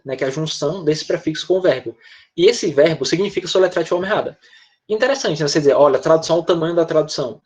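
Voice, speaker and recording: The English teacher here is a Brazilian man whose voice sits on the high side and sounds a little mellow. Explaining words to his online class in a Brazilian Portuguese accent, he often checks in with "né?" and "tá?", and the audio is dull and lo-fi.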